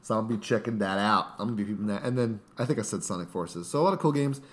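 A tired man co-hosting a gaming podcast, excitable and slangy, rambling between topics. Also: lowish voice, fast talker. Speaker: podcast co-host. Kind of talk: casual gaming podcast chat.

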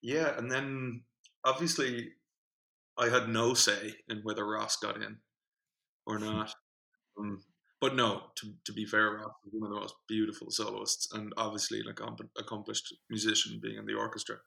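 A young man tells an animated podcast story with a gravelly, creaky edge to his voice. His delivery is forceful and bright, and he sits a little low in pitch. He rambles through fillers and restarts in a loose, casual way. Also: moderate pace, rough recording. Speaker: podcast co-host, singing group organiser.

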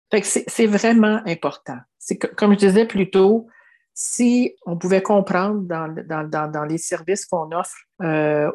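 Here a woman in her seventies from Quebec, with a fairly low, darkish voice and a Québécois French accent, reflects on her life in an interview. She speaks earnestly, keeps restarting, and leans on "tu sais" often.

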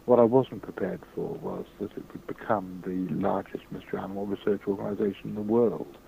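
A man's voice: sits low, fairly even intonation, fairly quick, creaky, mellow. A man in his forties, born in Britain and raised in Hong Kong, telling his story with dry self-mocking humor as an interview guest over the phone. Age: 40s. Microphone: telephone. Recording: tinny phone line with faint hiss.

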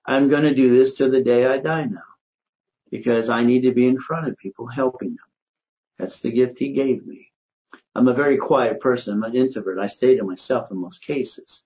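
An older man, a credit consultant, giving an emphatic, preachy motivational monologue that swings between loud and hushed. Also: medium pitch, normal speed, highs cut off.

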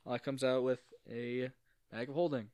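A man's voice: medium pitch, little pitch movement, moderate pace, a little mellow, clear, resonant tone, no room sound. A man acting as game master, narrating off the cuff in an informal, joking, sweary way. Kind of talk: casual tabletop game narration, improvised.

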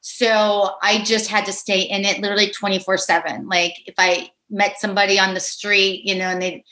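A middle-aged actress from Pittsburgh, chatting casually in an interview, lively and quick to laugh as she acts out quoted voices. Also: medium pitch. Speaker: actress guest.

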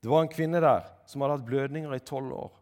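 A man delivers a sermon with a mid-range voice. He reads Bible passages aloud, lifting his pitch to act out the voices, then comments on them in a plain, conversational tone. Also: darkish tone. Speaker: preacher.

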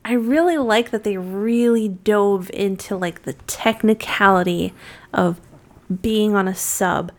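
A woman co-hosting a podcast, chatting casually about movies in a relaxed, hedging way with many fillers. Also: mid-range voice, measured pace. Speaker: podcast co-host. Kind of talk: casual movie-review chat.

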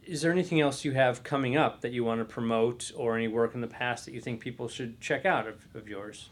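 A man's voice: medium pitch, brisk. A man hosting an interview who asks friendly, open questions and chuckles along. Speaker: interviewer, host. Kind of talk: casual interview talk.

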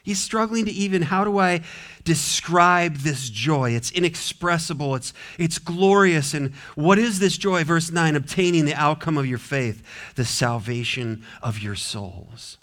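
A man's voice: fairly high pitch, unhurried, fairly bright tone. Emphatic man preaching a sermon. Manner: emphatic preaching, voice rising and dropping sharply. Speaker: pastor. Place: church sanctuary.

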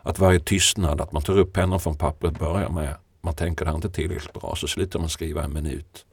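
A man with a very deep, gravelly voice talks things over in a slow, reflective conversation. His tone is husky and the sound is close and dry, with frequent laughter between musing thoughts. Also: steady tone, dry recording. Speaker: poet, podcast guest.

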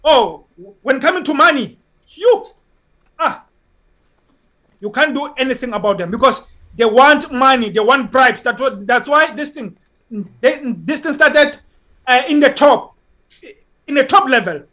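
A South African man giving impassioned interview talk as an activist guest, halting, emphatic and often repeating himself. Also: very high voice, animated, bright, forceful tone.

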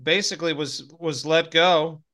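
A middle-aged man co-hosting a casual podcast, rambling with wry, deadpan humor. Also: on the high side, a little slow. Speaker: podcast co-host. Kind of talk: casual chat.

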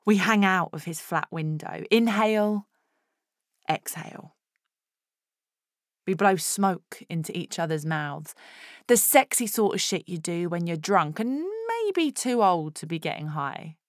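Actress as frank, cheeky Essex woman, thirties, colloquial dramatic monologue, measured pace, dry studio-like sound. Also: lowish voice, animated, dry recording. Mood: wry, reflective. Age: 30s. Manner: colloquial, frank, wry asides. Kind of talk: scripted first-person dramatic monologue.

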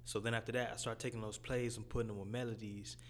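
Low raspy-voiced young man. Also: level tone, quick pace, slight background noise. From Detroit. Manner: laid-back, loose phrasing with fillers. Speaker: guest rapper. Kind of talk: casual interview chat.

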